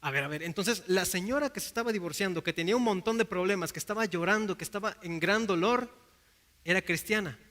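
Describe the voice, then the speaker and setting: A man's voice: high-pitched, fast talker, fairly bright tone. A man with a Mexican Spanish accent preaching a sermon, earnest, often restarting his words and calling the listeners brothers and sisters. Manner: frequent restarts and repeated words.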